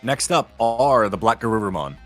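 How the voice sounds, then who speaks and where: A male game master with a fairly low voice, narrating a tabletop adventure in measured, formal phrases. Soft music plays behind him. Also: expressive.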